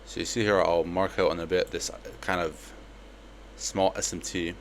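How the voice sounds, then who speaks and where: A young man with a slight lisp walking through a trade in a casual, relaxed way, with lots of fillers. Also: deep voice, moderate pace, slight background noise. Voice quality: slight lisp from a palate expander. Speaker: trading educator. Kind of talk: screen-recorded trade breakdown.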